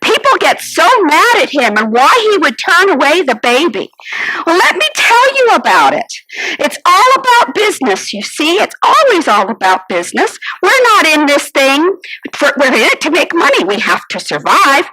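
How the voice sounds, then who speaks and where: A woman's voice: high-pitched, very animated, moderate pace, pushed and bright, heavily acted, rough recording. A woman playing a fretful, business-minded innkeeper's wife, telling her story in a theatrical monologue. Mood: kvetching. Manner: kvetching, theatrical, sighing and exclaiming. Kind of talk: first-person character monologue.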